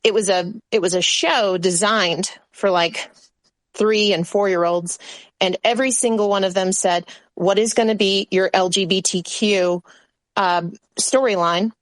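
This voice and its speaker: A woman's voice: mid-range voice, steady tone, unhurried, no echo. A woman speaking on a discussion panel, laying out her points with a string of examples.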